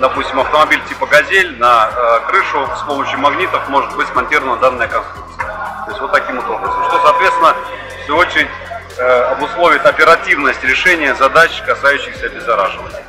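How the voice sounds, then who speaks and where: A man's voice: medium pitch, fast talker, music in the background, low-quality recording. Hesitant man explaining at an expo. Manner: hesitant, many filler sounds and restarts. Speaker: exhibitor presenting a device. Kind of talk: off-the-cuff explanation. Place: large indoor expo hall.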